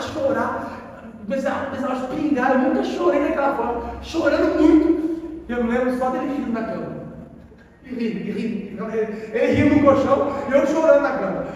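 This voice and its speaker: A man's voice: very high voice, slight background noise. A man preaching a sermon, telling a personal conversion story in an emotional, conversational way with casual slang and a Brazilian accent. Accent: Brazilian Portuguese. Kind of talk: sermon testimony. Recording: echoey hall from far off.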